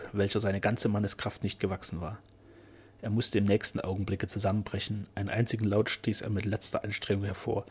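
A man reading a novel aloud as a narrator, telling the story in a dramatic, expressive manner. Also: on the low side, husky. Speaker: audiobook reader. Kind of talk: scripted narration.

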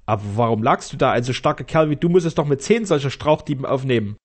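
A man reading aloud, voicing a brave, courteous young gentleman with confident, courtly speech. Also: medium pitch, animated, fast talker, natural voice.

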